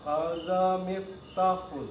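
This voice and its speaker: Male student, hesitant and slow; high voice, crowd noise behind. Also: fairly even intonation.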